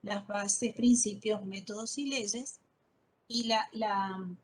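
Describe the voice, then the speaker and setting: A woman's voice: medium pitch, fairly even intonation, slow pace, slight background noise, rough recording. A woman teaching a botany class, patiently spelling out terms and checking understanding with frequent questions. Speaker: botany lecturer. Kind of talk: online class lecture.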